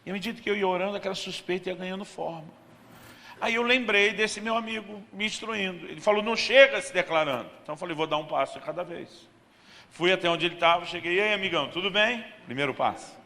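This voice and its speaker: Brazilian man, sermon, acted-out dialogue, bright forceful voice, long hall echo. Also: sits high, fast, vocal fry. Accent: Brazilian Portuguese. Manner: lively storyteller, acts out dialogue, addresses listeners as brothers. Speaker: preacher. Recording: hall reverb.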